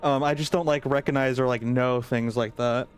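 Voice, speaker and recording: A man's voice: medium pitch, fairly even intonation, normal speed, smooth. A man streaming a game, chatting casually and rambling with lots of fillers. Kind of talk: casual gameplay chat.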